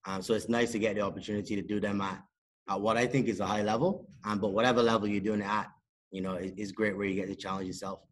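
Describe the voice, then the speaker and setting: A man, talking as a podcast guest on a video call in a small room, measured and modest, with many fillers. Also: on the low side, little pitch movement. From Barbados. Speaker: sports psychologist and cricket coach, podcast guest. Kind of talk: casual interview talk. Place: indoors, small room with a plain wall.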